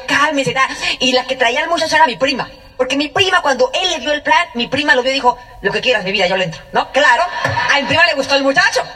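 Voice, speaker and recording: A middle-aged Mexican woman tells her story in a bright, high voice. She talks fast and acts out each person she quotes. Her voice is picked up from some distance. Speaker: guest sharing a testimony. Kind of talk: lively storytelling to an audience.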